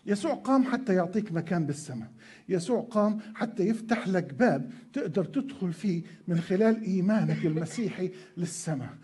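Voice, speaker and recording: Husky high-voiced man preaching emphatically. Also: animated, a little fast, warm tone. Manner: emphatic preaching with repeated words and rhetorical questions. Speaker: pastor. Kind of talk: sermon.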